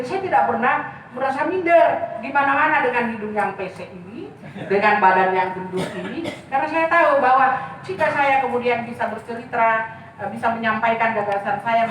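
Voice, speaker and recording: Expressive middle-aged woman telling stories in an echoey room. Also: fairly high pitch, far from the mic, a little hiss or hum. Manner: lively, expressive, addresses the listener as "Pak". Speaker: author and speaker. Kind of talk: personal storytelling.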